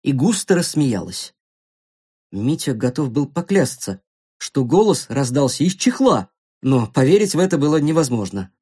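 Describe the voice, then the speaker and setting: Lively, playful storybook narrator. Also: mid-range voice, normal speed, slightly rough. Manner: expressive, playful.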